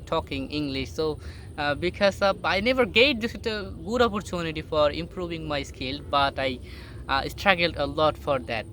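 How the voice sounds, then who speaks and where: Sitting by himself on a boat in the rural outdoors, a young man from Bangladesh whose native language is Bengali vlogs a casual motivational talk to camera. His voice is on the high side and sharp, his English halting with fillers and restarts, with a little hiss or hum in the audio.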